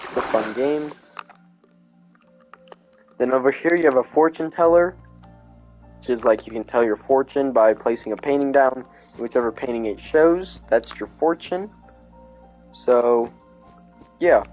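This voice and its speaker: A man's voice: mid-range voice, measured pace, long pauses, a little mellow, soft background music, poor audio. A man giving casual gameplay commentary while touring his build. He sounds sleepy and rambles, with lots of fillers like "like" and "um". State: sleepy, yawning. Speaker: video game creator touring his build.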